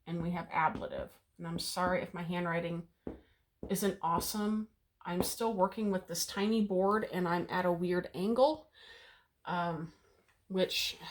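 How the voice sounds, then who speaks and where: A woman giving a casual video lesson at a whiteboard. She chats as she explains, says "okay" often and laughs at her own memory tricks. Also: fairly low pitch. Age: middle-aged. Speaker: Latin teacher.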